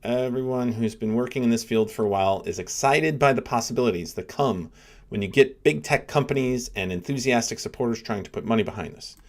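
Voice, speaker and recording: A man's voice: mid-range voice, a little fast. A middle-aged man hosting a live stream as a professor, giving casual reaction commentary and thinking aloud with lots of fillers. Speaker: livestream host, neuroscience professor.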